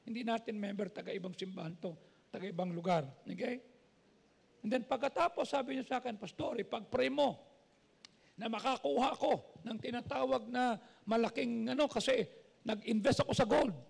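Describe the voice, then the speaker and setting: Man, Filipino accent, pastor, sermon, high husky voice, long church reverb. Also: moderate pace. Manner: preaches in mixed Tagalog and English, repeats "okay?". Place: church sanctuary.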